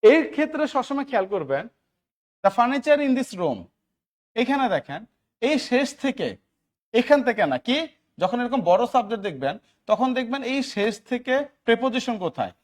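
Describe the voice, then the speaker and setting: A man's voice: very high voice, big pitch swings, fairly quick. A man from Bangladesh teaching a grammar lesson for job-exam students, who keeps asking the class short check questions and answering them himself. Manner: grows louder and more emphatic while stressing points.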